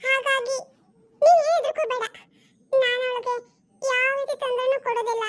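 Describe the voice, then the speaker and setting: Woman doing solemn girl-spirit, very high thin voice, firm and bargaining. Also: fairly even intonation. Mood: stern. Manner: stern and bargaining, slow and solemn. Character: female spirit possessing a young girl, calm and firm. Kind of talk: home-made family drama.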